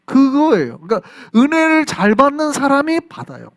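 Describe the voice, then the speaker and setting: Korean pastor guy preaching, really expressive, jumps all over the pitch, pretty high voice. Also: normal speed. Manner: animated preaching, acts out voices and reactions. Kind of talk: sermon. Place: church sanctuary.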